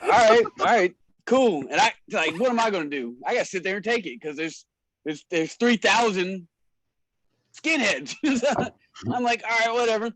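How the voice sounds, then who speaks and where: A man's voice: high-pitched, animated, normal speed, a bit bright, dry recording, low-quality recording. A man, a wrestler and show promoter, telling stories in a casual, slangy way and laughing often. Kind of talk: casual storytelling in a podcast interview.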